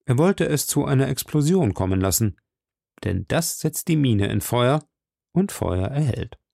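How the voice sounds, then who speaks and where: Male narrator, gravelly voice, steady storytelling, dry close sound. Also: mid-range voice, a little slow, no echo. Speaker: audiobook narrator. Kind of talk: scripted narration.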